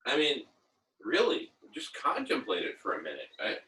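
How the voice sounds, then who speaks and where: A man's voice: on the low side, huge pitch swings, moderate pace, sharp tone, husky, low-quality recording. A man hosting an online group discussion, talking casually and at length in an enthusiastic, idealistic way with emphatic repetition, heard through earbuds on a call. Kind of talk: casual, rambling visionary talk. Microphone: earbuds on an online video call.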